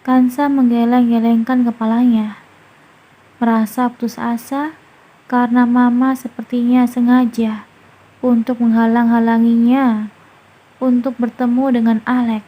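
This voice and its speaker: A woman narrating a romance novel aloud in a calm, measured storytelling manner. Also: a little high, poor audio. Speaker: audiobook narrator.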